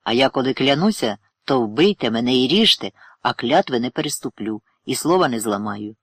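A man's voice: mid-range voice, expressive, fairly quick, husky, dry recording, clean studio sound. A man voicing an earnest, proud young village lad giving solemn testimony in a read story.

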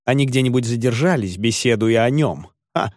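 A man reads a classic novel aloud as audiobook narration, slipping into voices for the characters. His pitch is middling. The sound is dry and close, with no room echo. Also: lively intonation, normal speed, a little mellow.

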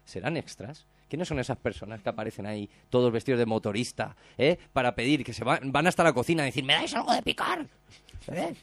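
A man talks on local radio, bursting into shouted impressions as he tells a story. His voice sits at an ordinary middle pitch. The studio mic sounds close and dry, with no room echo. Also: quick pace, hardly any pauses. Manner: animated storyteller, swears freely, acts out quotes loudly. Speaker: radio show host. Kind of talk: casual radio chat, retelling a TV show.

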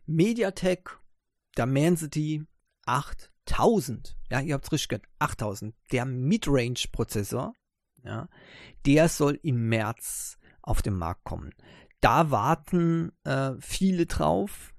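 Male podcast host, mid pitch, gravelly, hesitant delivery full of fillers. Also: lively intonation, measured pace, no echo, clean studio sound. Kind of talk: casual tech news podcast.

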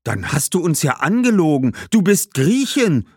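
An excitable young boy who jumps to conclusions, as a male reader puts him on. The voice is pushed high and loud, full of exclamation, with a dry, close sound. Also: normal speed, no room sound. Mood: curious. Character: excitable young Carthaginian boy, quick to judge. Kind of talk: storybook character voice.

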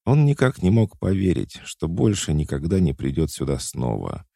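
A man narrating a thriller audiobook in a measured, dramatic reading. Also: low voice, big pitch swings, gravelly, mellow, no echo, clean studio sound. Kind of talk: scripted narration.

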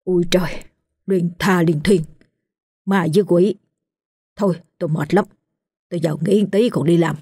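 Woman playing a grumpy tired husband who doesn't buy ghost talk, short and snappy, husky low voice. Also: fairly even intonation, moderate pace, long pauses, mellow, dry recording, clean studio sound. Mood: dismissive. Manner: curt, dismissive. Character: gruff skeptical tired older husband.

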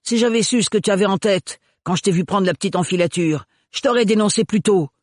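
A man's voice: high voice, fast talker, dry recording, clean studio sound, pitched above the performer's own voice. A man doing a fierce, stern young woman mechanic. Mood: accusing. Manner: sharp and accusing.

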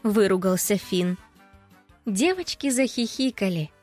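A woman narrating a children's storybook aloud in an expressive, lively storytelling manner. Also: mid-range voice, measured pace, soft background music. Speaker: audiobook narrator.

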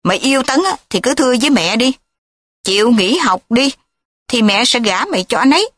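A woman's voice: fairly high pitch, expressive, brisk, no room sound, pitched above the performer's own voice. A woman doing scornful young woman Nga. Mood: mocking. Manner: defiant, sharp and scornful.

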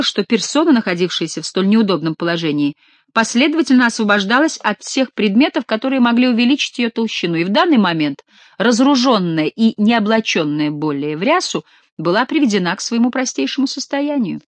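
A woman reading an audiobook aloud with expressive storytelling narration. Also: fairly high pitch, brisk, no room sound.

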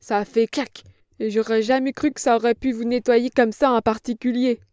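Woman doing a shrill, whining old hag, high and loud, dry studio read. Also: level tone, moderate pace, dry recording, natural voice. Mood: whining, frightened. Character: old vulgar female innkeeper, whining and scared.

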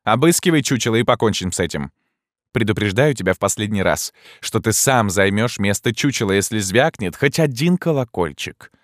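Give me a mocking, bossy vagabond king, put on by a man reading aloud, loud and lifted. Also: on the low side, animated, fairly quick, no echo, studio quality, voice pushed up, close to an everyday voice. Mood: scornful. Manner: commanding, scornful.

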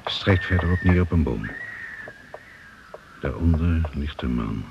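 Very deep, slow male narrator. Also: expressive, vocal fry, highs cut off, noisy background. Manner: measured, terse narration. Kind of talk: radio play narration.

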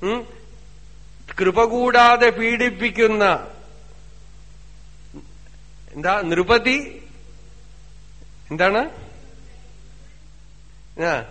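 A man with a Malayali accent gives a religious discourse, asking rhetorical questions, telling stories and slowly chanting Sanskrit verses. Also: high voice, fairly bright tone, in a large hall. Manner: conversational storytelling with rhetorical questions. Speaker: spiritual teacher.

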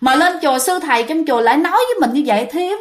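A woman's voice: sits high, animated, fast talker. A woman with a Southern Vietnamese accent, casually retelling a ghost story and chatting directly to her listeners.

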